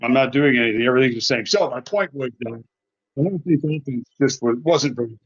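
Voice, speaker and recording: A man co-hosting a casual sports podcast over a phone call, his voice muffled as if through a wall, halting and trailing off mid-sentence. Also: medium pitch, no room sound. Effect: muffled remote connection, as if through a wall. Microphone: phone on a remote call. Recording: dull, muffled remote call.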